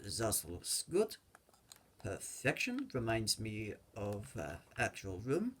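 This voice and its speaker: A man's voice: on the low side, huge pitch swings, takes it slowly, fairly bright tone, a little hiss or hum. A man giving casual, rambling commentary over his own gameplay, joking and correcting himself as he goes. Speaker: gaming video creator. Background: keyboard and mouse clicks.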